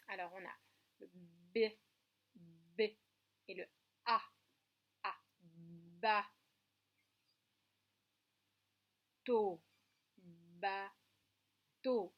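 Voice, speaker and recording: A woman teaching a remote preschool lesson in a French accent, sounding out syllables clearly and praising the children gently. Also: medium pitch. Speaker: kindergarten teacher.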